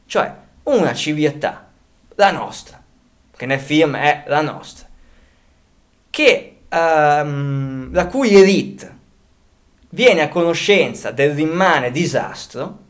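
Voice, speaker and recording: A man's voice: a little high, animated, takes it slowly, long pauses. A man co-hosting a casual podcast, talking, rambling, often restarting and correcting himself as he thinks aloud. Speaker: podcast co-host.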